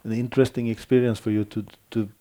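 Guy interviewing, mellow dark voice, stumbles a bit asking stuff. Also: medium pitch, little pitch movement, fast talker. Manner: hesitant, frequent backchannels. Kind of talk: interview questions.

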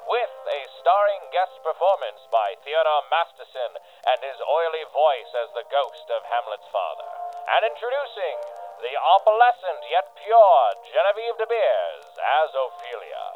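A man playing a grandiose old-time AM radio announcer. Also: a little high. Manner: theatrical, drawn-out announcer delivery. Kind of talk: 1940s radio acting. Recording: tinny, phone-like AM radio sound.

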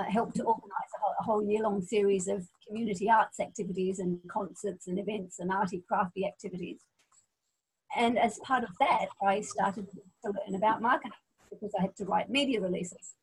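A guest in a relaxed interview conversation, this Scottish-born woman in her forties grew up in Australia. She talks thoughtfully in a breathy-edged mid-range voice, often saying um and restarting, on a rough recording.

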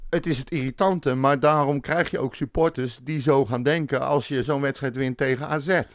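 A man's voice: medium pitch, fairly even intonation, moderate pace, no echo. Frank man, dry close sound. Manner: opinionated, frank. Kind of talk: casual chat.

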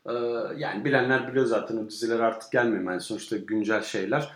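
A man's voice: fairly low pitch, fast talker, fairly bright tone, roomy sound. A man from the Balkans hosting a casual chat, asking questions and joking with his guest. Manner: jokey, teasing interviewer. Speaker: host.

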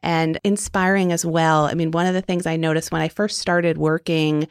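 Earnest woman guest; low-set, resonant voice with some fry; warm enthusiasm, casual fillers. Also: level tone, moderate pace, no room sound. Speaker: interview guest. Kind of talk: conversational interview answers.

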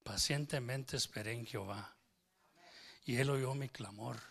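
A man's voice: medium pitch, measured pace, gravelly, a bit bright. A man preaching an informal, joking sermon in a small church, slipping English phrases into his talk. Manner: switches into English phrases, jokes with congregation. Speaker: pastor.

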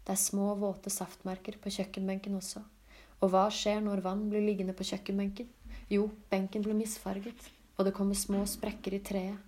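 Flat, mellow-voiced woman reading a novel. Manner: calm, even, low-key reading. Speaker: audiobook reader. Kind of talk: scripted literary narration.

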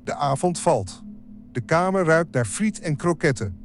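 A man giving calm, descriptive scripted narration for an audio drama. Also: a little high, measured pace, faint music behind.

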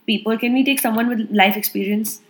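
Teasing high-voiced Indian woman. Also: a little fast. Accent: Indian English. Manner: teasing, animated, mixes in Hindi. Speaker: podcast co-host, radio jockey. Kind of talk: casual chat.

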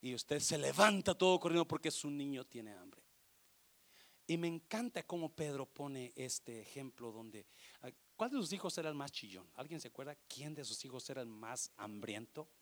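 A man's voice: medium pitch, expressive, normal speed, fairly bright tone. A man pastor preaching a sermon, emphatic and exhorting, often calling out questions to his congregation.

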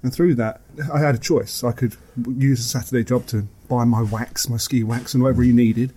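A man from Essex with an Essex accent, chatting casually and self-deprecatingly as a podcast guest, telling stories in an animated way. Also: medium pitch, brisk, breathy edge. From Essex, England.

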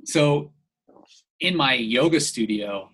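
A man's voice: medium pitch, lively intonation, takes it slowly, fairly bright tone, slightly rough, rough recording. A man from the United States telling a rambling story in casual podcast chat, filling nearly every phrase with "like". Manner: rambling, heavy use of "like", restarts.

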